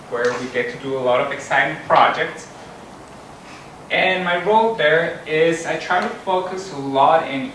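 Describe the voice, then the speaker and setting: A middle-aged man from Costa Rica gives an earnest conference talk in a large hall, using frequent fillers. His voice is a little high, pushed and bright, with slight background noise. The recording is echoey and distant, with music present.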